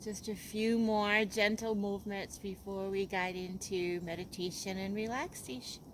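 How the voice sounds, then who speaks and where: As a yoga teacher, a woman guides a relaxation session, speaking very slowly and gently with soothing pauses between instructions. Her mid-pitched voice holds a steady tone over faint background noise.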